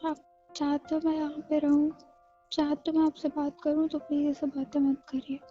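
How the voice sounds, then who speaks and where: A timid young wife, played by a woman in a romantic call drama, speaking softly and hesitantly in a high, flat voice. She sounds meek and pleading. Dull lo-fi audio with soft music behind. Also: moderate pace, lightly acted.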